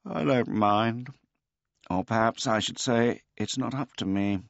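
A man voicing a weary, laconic elderly male tomcat who speaks in a dry, unhurried, noncommittal way. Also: fairly low pitch, gravelly, no echo, dull audio, voice pushed up.

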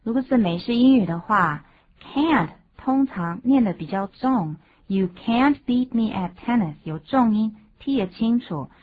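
A woman co-hosting a bilingual radio language lesson, reading model sentences and explaining them in a measured way. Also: a little high, animated. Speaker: co-host of radio English lesson. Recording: tinny phone-like band.

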